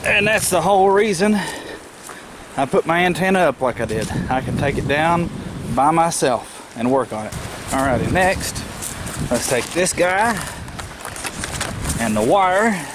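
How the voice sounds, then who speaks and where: With a fairly high, lively voice, the man speaks unhurriedly and leaves long pauses as he thinks aloud through an unscripted tutorial. He is a DIY vlogger working in a rural yard, captured on noisy outdoor camcorder audio with clear ambient sound around him.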